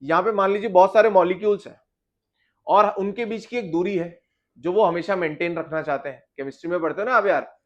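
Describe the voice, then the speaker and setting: A man's voice: high voice, fairly quick, dull audio. A male physics teacher giving a classroom lecture, often asking his students questions and calling them "beta".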